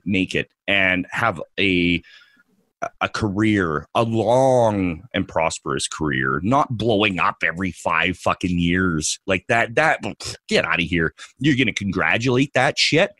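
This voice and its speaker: A man's voice: fairly low pitch, a bit bright, dry recording. A man co-hosting a trading podcast, ranting profanely and mocking others in put-on voices. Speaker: podcast co-host, trader. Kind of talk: ranting casual podcast talk.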